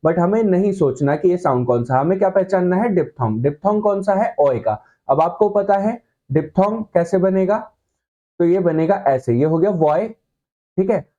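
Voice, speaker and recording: High, mellow-voiced man teaching shorthand. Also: lively intonation, normal speed, lo-fi sound. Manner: explains with playful analogies, checks in often. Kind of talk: online classroom lesson.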